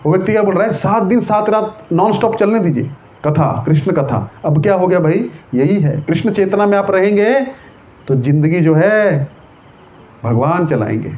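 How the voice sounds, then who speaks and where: A man gives a lively, conversational sermon on scripture and keeps throwing rhetorical questions at his listeners. His voice sits high. The sound is narrow and tinny, like a phone line. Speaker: preacher teaching scripture.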